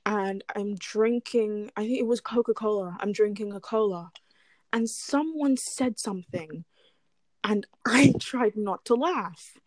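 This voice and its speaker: Young woman telling a story, gets animated, laughs mid-sentence, dry close sound. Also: medium pitch, a little slow, dry recording. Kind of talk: casual chat.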